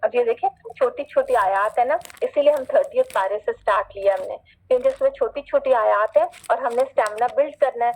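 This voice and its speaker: A woman with a somewhat high voice teaches a Quran recitation class online. She explains patiently, checks in with her students again and again, and stretches each Arabic word out slowly when she recites. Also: low-quality recording. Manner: patient, repetitive, checks in often; slow, drawn-out recitation of Arabic words.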